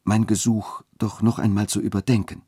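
A man reading a story aloud and voicing a scheming, smooth-talking church dean who shifts between insistence and soft coaxing. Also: lowish voice, level tone, normal speed, no room sound, studio quality, pitched above the performer's own voice. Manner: insistent, then softly coaxing. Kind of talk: literary reading.

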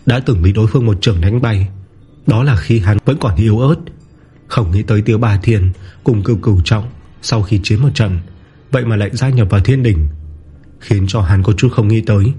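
A man narrating a martial-arts novel in a steady, even storytelling voice. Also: lowish voice, moderate pace, breathy edge. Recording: soft background music.

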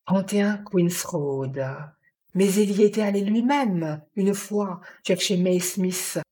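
A woman narrating a novel as an audiobook in a measured, deliberate reading. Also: mid-range voice, warm tone.

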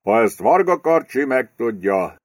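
A man's voice: medium pitch, sing-song, no room sound, clean studio sound. A man voicing a nervous, anxious male businessman who whines and frets in an audiobook. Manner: anxious, whining. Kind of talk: audiobook character voice.

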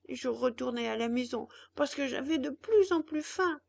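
A woman's voice: high-pitched, animated, moderate pace, gravelly, voice pushed up, full character voice. A woman voicing a hungry, bratty wooden puppet boy in a storybook reading, whining and demanding. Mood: complaining.

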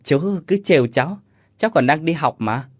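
A frightened ten-year-old boy pleads and whimpers in a spoken ghost tale, as a male narrator puts him on. The voice is pitched up well above the reader's own, and the sound stays dry and close. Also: expressive, moderate pace, no echo. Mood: shy. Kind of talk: audio ghost story narration.

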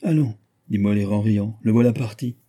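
A man's voice: lowish voice, moderate pace, mellow, close to an everyday voice. A man reading a wry, teasing playwright. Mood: amused. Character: amused, teasing male playwright. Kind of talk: audiobook character voice.

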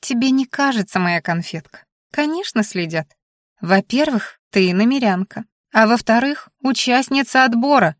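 A woman putting on a high-pitched, theatrical little furry governess creature for an audiobook. She dotes, scolds and flies into hysterics, with sugary pet names on every line. The sound is dry and close. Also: animated, moderate pace, no room sound, close to an everyday voice. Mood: knowing. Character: fussy furry female creature governess, dramatic. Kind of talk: audiobook character voice.

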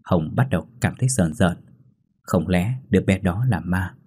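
A man narrating a ghost story in a steady, measured storytelling voice. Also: low voice, slightly rough. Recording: faint background music.

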